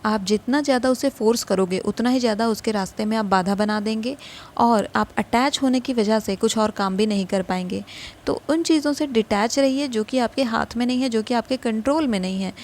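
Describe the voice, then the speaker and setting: A woman giving a tarot reading to viewers in a gentle advising way, mixing English words into her talk. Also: fairly high pitch. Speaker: tarot reader.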